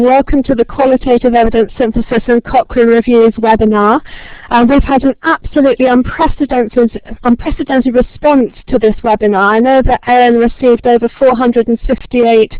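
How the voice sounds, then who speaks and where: A woman who talks quickly, with frequent ums, presents a lecture-style webinar and welcomes a large online audience. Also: on the high side, dry recording. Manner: fast-talking, friendly, many ums. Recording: tinny phone-line sound, dry.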